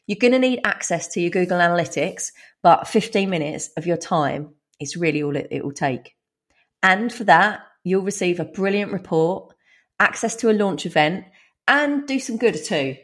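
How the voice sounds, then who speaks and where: Low-pitched woman with a twangy Essex accent. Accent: Essex, England. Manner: informal, self-deprecating. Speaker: podcast host. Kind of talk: solo announcement to listeners, chatty and direct.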